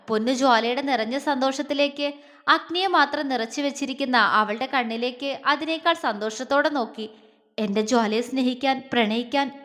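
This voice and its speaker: A woman storyteller giving a scripted audio story narration in an expressive, measured way. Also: high voice, big-room sound.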